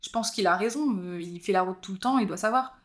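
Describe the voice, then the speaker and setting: A young woman's mid-range voice moves at a quick pace as she co-hosts a podcast. In casual chat she tells an animated story, acting out the voices of those she quotes.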